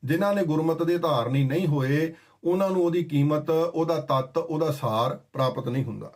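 A man giving a sermon that explains scripture. He chants verses slowly and then explains them in plain, conversational talk. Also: a little high, a little mellow. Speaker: Sikh scripture preacher.

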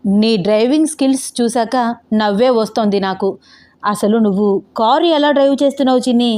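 A woman's voice: fairly high pitch, a little fast, warm tone, natural voice. A woman voicing a playful, teasing young man who patiently teaches his girlfriend to ride a scooter, read as an audio novel character.

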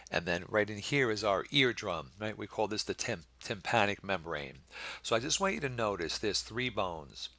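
Middle-aged male lecturer, very low voice, dry close sound, patient and explanatory. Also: sing-song, moderate pace, bright, forceful tone, no room sound. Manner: explains patiently, often checking with a questioning "right?". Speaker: anatomy instructor. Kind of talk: recorded lecture over slides.

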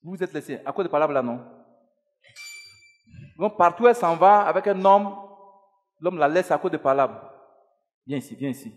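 A man's voice: a little high, lively intonation, fairly quick, pauses often, in a large hall. A man leading a deliverance service as pastor, commanding and repeating his words in a chant. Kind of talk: deliverance ministry. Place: church.

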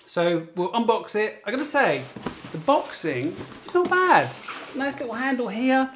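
A man's voice: high voice, animated, moderate pace, background noise. A man with a British accent casually chatting through a tech unboxing at home, wandering and restarting his sentences. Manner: chatty, meandering, restarts phrases. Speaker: tech reviewer.

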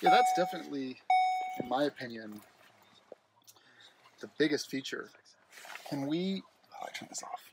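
Here a car vlogger with a slightly high, animated voice talks at normal speed but leaves long pauses. He strolls a dealership lot outdoors, then sits inside a car, musing aloud with fillers and restarts. His handheld phone camera gives poor audio with a little hiss or hum.

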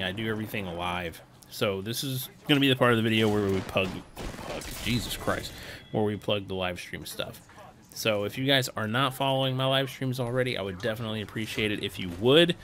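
Background noise sits behind this lowish male voice. It's a weary young streamer and gaming channel host narrating his own gameplay footage, meandering and relaxed, with frequent chuckles.

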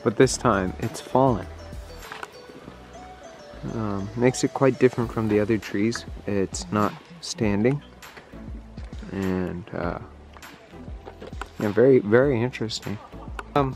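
A man's voice: medium pitch, unhurried, long pauses, a little mellow. A young man joking his way through a casual travel vlog outdoors, filmed on a handheld camera at arm's length. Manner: joking, playful narration to camera. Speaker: vlogger. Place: outdoors on forest trails and a harbor. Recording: music under the voice.

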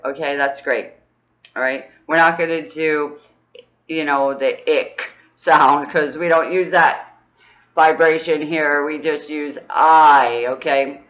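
Upbeat woman, slow unhurried delivery, breaks into whoops, dull lo-fi sound, guided chakra exercise. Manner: upbeat, chatty, ends phrases with "okay?"; bursts into high whoops. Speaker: spiritual teacher.

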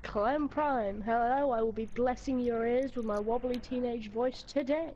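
A teenage boy voicing a squeaky alter ego with a wobbly voice. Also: a little slow, darkish tone, highs cut off, a little hiss or hum. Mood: playful. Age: teens.

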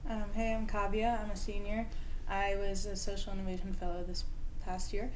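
A woman's voice: medium pitch, level tone, normal speed, slight background noise, poor audio. A young woman in her twenties, a student panelist telling the story of her project in an earnest way. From United States. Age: 20s. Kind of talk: panel discussion. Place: lounge room with panel table.

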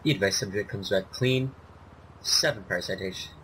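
A man's voice: fairly low pitch, normal speed, fairly bright tone, slight background noise, poor audio. A man acting as police dispatcher, giving clipped call-outs heard over a police radio.

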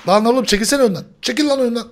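High-voiced excitable young man. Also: racing. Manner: shouts and repeats words when tense. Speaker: gaming channel host. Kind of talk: excited gameplay commentary.

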